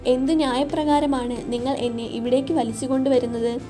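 A woman's voice: high-pitched, fairly even intonation, moderate pace, music in the background, close to an everyday voice. A woman voicing a frightened young wife who pleads and protests through tears, in a read-aloud story. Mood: pleading.

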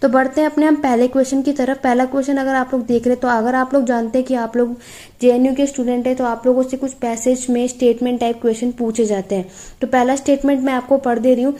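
A young woman teaching an exam-prep lesson. She explains patiently, checks in often with her students, and reads English passages slowly before explaining them. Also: sits high, dark tone.

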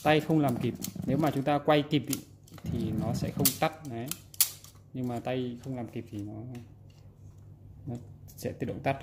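A man with a mid-range voice and a steady tone talks at a moderate pace, leaving long pauses. He's a repairer presenting a repair video, explaining the fix in a casual, hands-on, demonstrative way at an indoor workbench. The recording carries background noise and room ambience.

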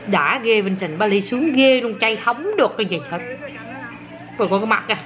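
A woman's voice: mid-range voice, lively intonation, a little fast, muffled recording. A woman filming her toddler and coaxing the child to repeat words in a casual home vlog. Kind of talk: casual family vlog chat. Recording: noisy home video recording.

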